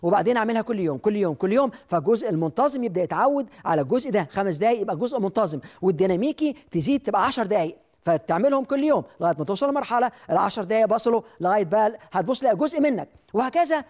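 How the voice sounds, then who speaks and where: Rapid-fire Egyptian man, motivational talk. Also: high voice. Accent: Egyptian Arabic. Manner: emphatic, lively, speaks straight to the viewer. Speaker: self-help TV host.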